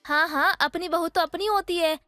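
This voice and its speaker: A woman voicing a quarrelsome young daughter-in-law in an animated story, combative and taunting. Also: extremely high pitch, moderate pace, faint music behind. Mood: angry. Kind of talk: animated cartoon voice acting.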